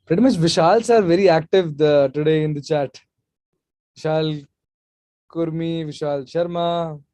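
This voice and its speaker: A man talks casually in a live online session, giving off-the-cuff advice as he answers questions from the chat. His voice sits a little high for a man. The sound is dry, with no room echo. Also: steady tone, a little slow, warm tone. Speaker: guest speaker at an online security meetup.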